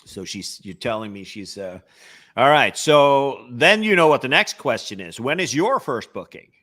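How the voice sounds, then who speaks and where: A man's voice: mid-range voice, sing-song, normal speed, a bit bright. A man from Norway with a Norwegian accent, hosting a casual travel webcast with many hesitations and fillers. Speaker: host.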